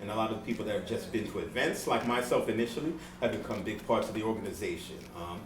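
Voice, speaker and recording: Relaxed man from Seattle, roomy venue. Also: fairly low pitch, fast talker, background noise. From Seattle, USA. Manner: relaxed and earnest, many "um" fillers. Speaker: guest, board member of a nonprofit. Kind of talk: live on-stage interview. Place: event venue with live audience. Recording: echoey venue, distant mic, music behind.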